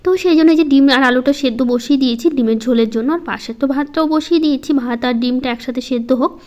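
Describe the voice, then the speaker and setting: A woman narrating her home vlog in a slow, soft-spoken, halting way. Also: high-pitched. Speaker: home vlogger. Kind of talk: casual voice-over vlog.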